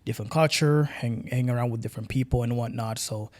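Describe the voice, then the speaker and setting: A young Tanzanian man is a guest on a casual podcast, speaking at a middle pitch in a steady, fast, slightly mellow tone. He comes across as earnest, often restarting or repeating words as he searches for the right way to say something.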